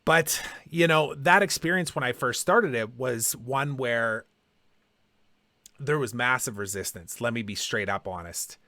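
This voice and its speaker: A man's voice: medium pitch, measured pace, sharp tone, no echo. A man hosting a podcast, telling personal stories in a casual, conversational way and acting out quoted dialogue. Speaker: podcast host.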